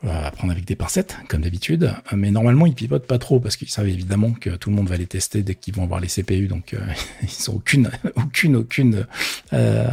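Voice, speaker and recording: A man's voice: medium pitch, creaky, mellow, husky, dry recording. A man chatting casually about tech news, slangy and loose, with many fillers and a dry, thirsty mouth. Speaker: tech commentator.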